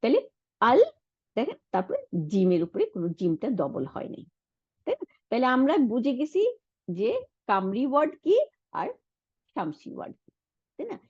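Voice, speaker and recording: A woman's voice: fairly high pitch, sing-song, a little fast, long pauses, a little mellow, slightly rough, dry recording. A woman teaching Arabic reading for the Quran step by step, often checking in with her listeners. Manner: explains step by step, often asks "isn't it?"; frequent hums and restarts. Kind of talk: online Quran Arabic lesson. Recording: dry, dull lo-fi sound.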